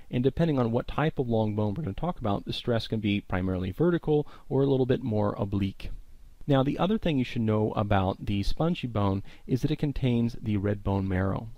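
A man with a low, mellow voice lectures in a clear, explanatory way, stopping often to recap earlier points. The sound is dry and close, with no room echo. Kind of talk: recorded college lecture.

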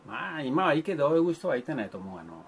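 A man's voice: on the high side, big pitch swings, fast, a little hiss or hum. An older man, talking to children in a folksy, grandfatherly way, with old-fashioned speech and playful sound effects. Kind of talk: folksy monologue to the camera.

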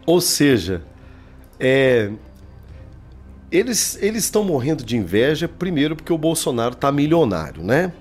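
With soft music in the background, the Brazilian Portuguese-accented man, in his thirties, talks politics at normal speed in a medium-pitched, sing-song, darkish voice. He speaks straight to his viewers, colloquial and emphatic, through a desk mic in a small indoor home studio.

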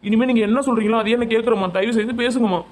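A woman voicing a tearful young grown son in an animated family comedy-drama, crying and begging his mother's forgiveness. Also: on the high side, racing, close to an everyday voice. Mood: pleading, tearful. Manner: pleading and apologetic.

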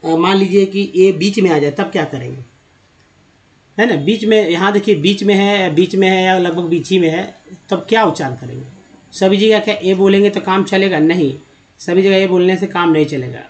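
A man's voice: high voice, moderate pace. A man teaching English reading, asking questions and answering them himself while repeating key sounds. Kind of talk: explaining lesson to viewers.

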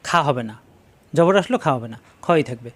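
A man teaching letter pronunciation, briskly drilling syllables over and over. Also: mid-range voice, expressive, fairly bright tone. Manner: brisk drilling, repeats syllables slowly then quickly. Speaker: Quran recitation teacher. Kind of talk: pronunciation lesson.

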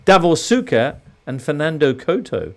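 A man's voice: fairly high pitch, big pitch swings, moderate pace. A man hosting a football quiz on a podcast, reading questions in a playful, theatrical way. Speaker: quiz host.

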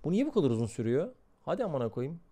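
Excitable, foul-mouthed young male streamer. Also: a little high, very fast. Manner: excitable, swears constantly, talks to chat. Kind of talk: live gameplay commentary.

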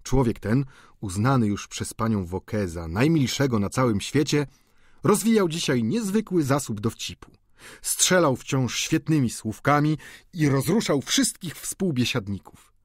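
A man narrating a classic novel as an audiobook, with expressive, measured storytelling. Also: medium pitch, breathy edge, no room sound, studio quality.

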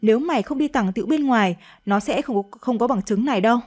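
A woman's voice: on the high side, quick pace, darkish tone, natural voice. A woman reading a radio story, voicing a stern, angry elderly father who scolds his daughter harshly. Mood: scolding.

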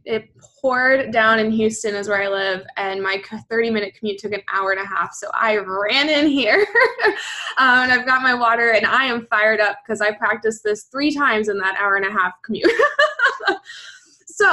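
A woman's voice: fairly high pitch, sharp tone, poor audio. A young woman from Virginia, upbeat and chatty, giving a coaching presentation on a team video call. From Virginia, USA. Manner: upbeat, chatty, laughs easily. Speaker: guest presenter, part-time fitness coach.

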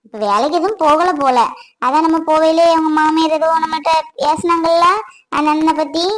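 A woman playing a worried young wife, very high voice. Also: fairly even intonation, brisk, natural voice, rough recording. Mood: relieved. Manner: worried, pleading, soft. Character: anxious young runaway wife, self-blaming. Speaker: actor. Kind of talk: family comedy-drama acting.

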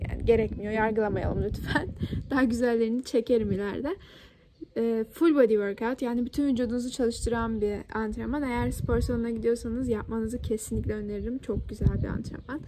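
Against some background noise, a young adult woman who vlogs about fitness walks through a workout step by step in a casual, instructive, slightly self-deprecating way. She speaks briskly at a fairly high pitch.

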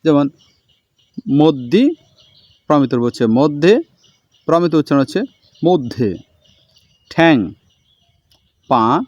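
A man teaching a school language lesson, reading aloud slowly and repeating each word for his students. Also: mid-range voice, darkish tone, no room sound. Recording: dull lo-fi sound.

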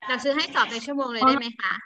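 A woman's voice: sits high, fairly even intonation, very fast, over a noisy crowd. A woman teaching an online language class, patiently drilling pronunciation and calling on students by name. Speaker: Chinese teacher.

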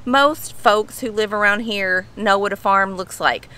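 Bright-voiced woman with a Southern drawl. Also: medium pitch, a little slow, clean tone. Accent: Southern US, Kentucky drawl. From Kentucky, United States. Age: middle-aged. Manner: animated, folksy, repeats phrases for emphasis. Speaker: vlogger explaining slang. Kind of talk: casual explanatory chat to camera. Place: outdoors on a home pool patio.

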